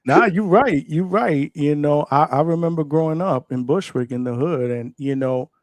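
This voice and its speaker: A man's voice: fairly high pitch, moderate pace, dry recording, studio quality. A man hosting a live call-in show, asking questions in easygoing street talk and often saying "right" and "man.". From Brooklyn, New York. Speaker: host.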